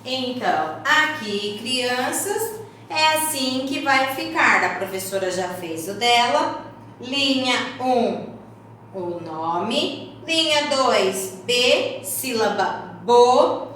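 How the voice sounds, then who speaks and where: A Brazilian woman teaching a slow, sing-song, encouraging phonics lesson to young children. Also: a little high, expressive, a bit bright, a little hiss or hum. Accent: Brazilian Portuguese. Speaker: kindergarten teacher. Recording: very echoey room, slightly distant mic.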